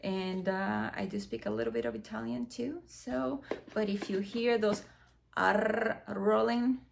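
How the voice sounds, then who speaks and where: Unboxing products in a room beside a window, where faint street noise comes through, a mid-forties woman from the Dominican Republic talks casually with many fillers. She's a beauty vlogger and native Spanish speaker with a Dominican accent. Her voice is fairly high and gravelly, with fairly even intonation and a measured pace.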